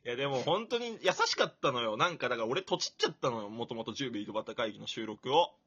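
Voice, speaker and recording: A man's voice: mid-range voice, animated, fast talker, pushed and bright, slightly rough, no echo, muffled recording. A man chatting casually, playful and self-deprecating, with a rambling way of talking. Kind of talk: casual chat.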